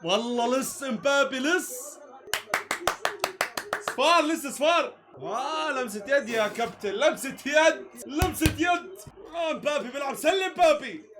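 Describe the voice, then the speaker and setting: A man reacting live to a football match, excitable, often shouting and jeering at the play. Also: extremely high pitch, normal speed, background noise.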